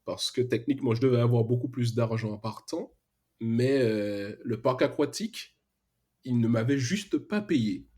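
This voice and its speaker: A warm, mid-range voice at a moderate pace belongs to a young man from Martinique, a freelance web developer interviewed on a podcast. In his Antillean French accent, he tells his story casually, hesitating a lot and slipping into slang.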